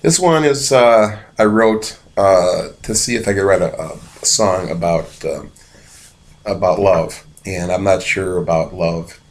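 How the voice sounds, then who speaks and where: A man's voice: deep voice, unhurried. A man who sings on the streets, chatting casually to the camera between songs in a rambling, hesitant and wry, self-mocking way. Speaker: street singer-songwriter.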